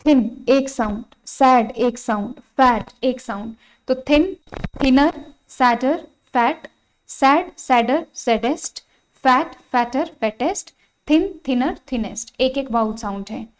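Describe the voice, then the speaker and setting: A woman with an Indian accent teaching an online English grammar lesson, repeating key phrases and spelling words out slowly. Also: high voice, rough recording.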